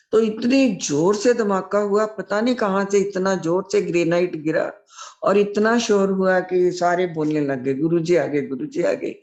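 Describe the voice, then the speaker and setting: A woman's voice: on the low side, a little mellow. An older woman tells a devotional testimony in a chatty, storytelling way, often repeating devotional greetings. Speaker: devotee sharing her testimony.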